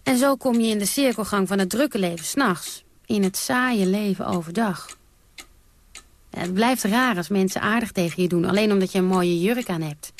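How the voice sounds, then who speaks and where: Close to her everyday voice, at medium pitch and a moderate pace, an actress portrays a defiant, brash woman telling of her wild nights. The theatrical radio monologue is blunt and dry, punctuated by sudden outbursts.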